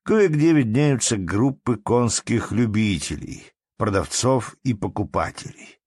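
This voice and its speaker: A man reading a classic story aloud in a steady, measured way. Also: on the low side, breathy edge, no echo, clean studio sound. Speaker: narrator. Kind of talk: audiobook narration.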